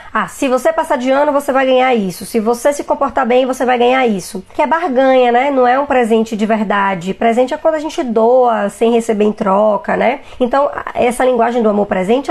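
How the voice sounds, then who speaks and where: Brazilian woman pediatrician, thirties, somewhat high and gravelly voice, chats to parents on a live stream. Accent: Brazilian Portuguese. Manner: warm explanatory advice, addresses viewers as "gente".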